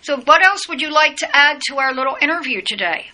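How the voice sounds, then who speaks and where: Bright-voiced woman hosting a podcast. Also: high voice, animated, fast talker, rough recording. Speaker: podcast host, astrologer. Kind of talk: casual interview chat.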